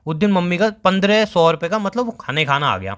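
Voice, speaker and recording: In a casual scripted Hindi phone-call skit between a couple, a young man plays a bantering, evasive boyfriend. His high, slightly bright voice is animated and fairly quick as he casually explains himself and tells his story.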